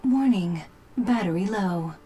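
A courteous female robot companion from a video game, its battery failing as it powers down. It speaks in slow, formal machine phrasing, unhurried and measured. Soft game music plays faintly behind. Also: medium pitch, expressive. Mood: alarmed. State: battery running out, shutting down. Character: dying female robot companion, polite, gentle.

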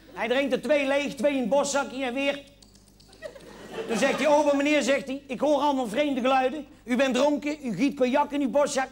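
A man calmly telling a joke about a drunk at a bar. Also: extremely high pitch, slight background noise. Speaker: joke teller.

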